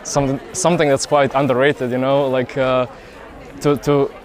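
Flat-voiced young man, hesitant. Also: mid-range voice, some chatter behind. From Croatia. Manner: earnest, hesitant, many pauses and fillers. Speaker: interviewee, festival pilgrim. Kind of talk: casual street interview. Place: outdoor youth festival grounds.

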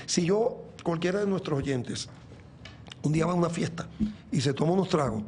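Speaking as an interview guest, a man in his sixties from Venezuela gives a reflective, earnest talk on faith, full of rambling and restarts. His slightly high, slightly mellow voice has lively intonation at normal speed, with a little hiss or hum in the recording.

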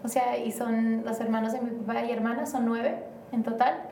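Her voice is fairly high and mellow, with fairly even intonation and a normal speaking speed. She's a Mexican woman appearing as an interview guest, chatting casually but rambling and hesitating, full of fillers. The audio is roomy and far-off, with faint noise.

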